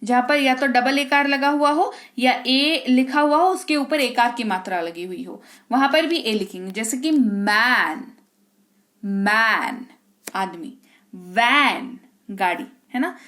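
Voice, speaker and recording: A woman teaching an English pronunciation class, drawing out example words slowly and quizzing her students with questions back to them. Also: high-pitched, lively intonation. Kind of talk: spoken phonics lesson.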